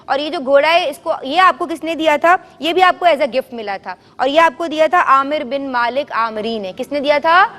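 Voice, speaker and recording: Speaking with hardly any pauses, this children's show host quizzes a group of kids and gets them to repeat answers loudly. Her voice is high and bright, her storytelling gentle and coaxing. The sound carries a long reverb from a studio hall.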